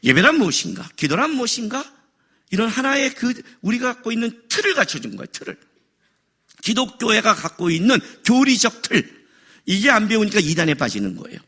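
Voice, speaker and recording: Lively, bright-voiced Korean male pastor preaching. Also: sits high, brisk. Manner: animated, jokes and raises voice for effect. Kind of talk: sermon. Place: church worship service.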